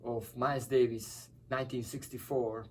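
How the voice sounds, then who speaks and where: A man's voice: mid-range voice, steady tone, moderate pace, slight background noise. A middle-aged man from Hungary, a guest musician telling stories cheerfully and laughing often. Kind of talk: conversational interview. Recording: distant from the mic.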